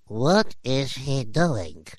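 Someone doing an excitable onlooker, yelps and exclaims, dry sound. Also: mid-range voice, very slow, dry recording, full character voice. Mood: excited. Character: excitable townsperson bystander.

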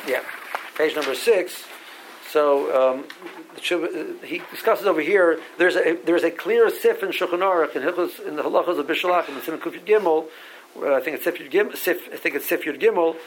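A Barbadian man with a fairly high, brisk voice delivers a halachic lecture as a rabbi teaching a Talmud class. He repeats words often while working through sources and reads out Hebrew legal terms. The audio is poor, with a slight hiss or hum.

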